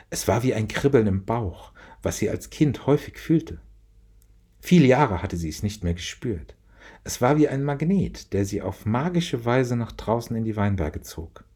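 A man narrating a children's story in a calm, even reading manner. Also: medium pitch, husky.

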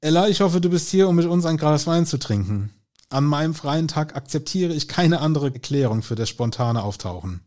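A man voicing a brooding male police inspector who sounds gruff and weary. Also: fairly high pitch, lively intonation, moderate pace, darkish tone, voice pushed up, close to an everyday voice. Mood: dry.

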